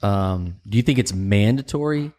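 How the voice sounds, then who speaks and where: Male co-host, low-pitched, interviewer who sums up each point. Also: animated, moderate pace, darkish tone. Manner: probing questioner, restates and sums up points. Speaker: podcast co-host. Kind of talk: casual chat.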